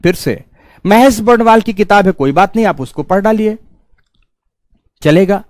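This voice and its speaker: A man's voice: high voice, expressive, normal speed, no echo. A male teacher giving a stern exam-prep lecture, scolding students and repeating key points for emphasis.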